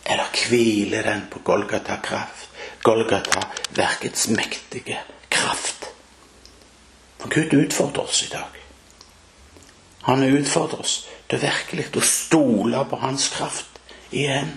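A man's voice: medium pitch, fairly even intonation, vocal fry, a bit bright. A man preaching a fervent sermon, with emphatic rises and exclamations. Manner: fervent, rising to emphatic peaks. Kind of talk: Pentecostal-style sermon.

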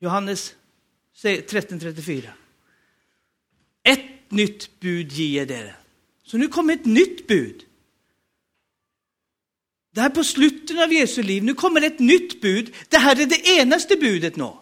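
A man's voice: high-pitched, sing-song, pauses often, fairly bright tone. A man with a Norwegian accent preaching a sermon, emphatic and urging the congregation to respond.

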